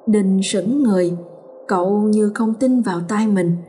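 A woman telling a ghost story in a steady, dramatic way. Her voice is dark and mellow, with faint music playing under the narration. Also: mid-range voice, a little slow. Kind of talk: scripted horror story narration.

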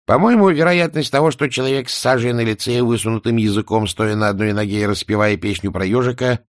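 A man's voice: medium pitch, fast, dry recording, clean studio sound, close to an everyday voice. A man voicing a sly, scruffy male city watchman who talks in a brash, mocking way in an audiobook.

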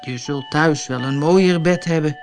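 Woman doing a low, kindly old grandfather. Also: a little slow, a little mellow, faint music behind. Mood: gentle. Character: gruff but kind old grandfather.

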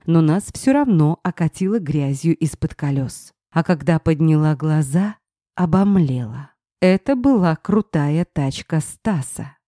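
A woman reads a first-person story aloud, telling it expressively. Her voice sits low and mellow, and the recording is close and dry. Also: no room sound. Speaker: audiobook narrator.

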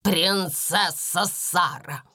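Storybook villain: a woman as an imperious schoolmistress, high and drawn-out, cold and scornful. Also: lively intonation, pushed and bright, exaggerated voice. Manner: harsh, scornful commands. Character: stern, imperious older schoolmistress.

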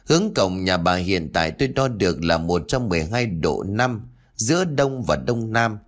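A man voicing a calm older feng shui master who explains things slowly and evenly. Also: sits low. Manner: measured, explaining.

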